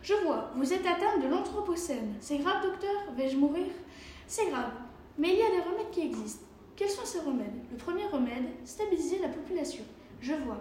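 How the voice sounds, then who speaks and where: Woman reading a doctor-patient script, high voice, lots of echo. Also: darkish tone, slight background noise. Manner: reads both the patient's and the doctor's lines. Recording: very echoey room with faint ambience.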